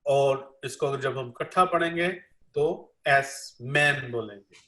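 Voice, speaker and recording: A man's voice: mid-range voice, unhurried, a bit bright. A man interpreting a classroom lecture live, repeating each line with many fillers. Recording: echoey room.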